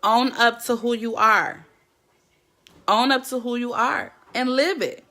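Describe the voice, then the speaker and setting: A woman's voice: on the high side, unhurried, pushed and bright. Woman on a livestream, chatty, keeps calling out commenters by name. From Jackson, Mississippi. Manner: chatty, talks straight to viewers, greets commenters by name. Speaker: livestream host. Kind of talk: casual livestream chat.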